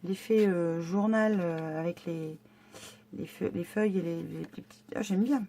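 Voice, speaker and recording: Her voice sits on the low side, mellow and a little slow, as this scrapbooking vlogger unpacks her monthly box. She sounds enthusiastic about the items while chatting hesitantly, with many fillers and restarts.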